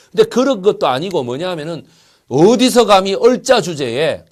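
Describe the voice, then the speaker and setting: Man, 40s, history lecturer, animated rhetorical questions, fairly high voice, very lively intonation. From Busan, South Korea. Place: studio, alone.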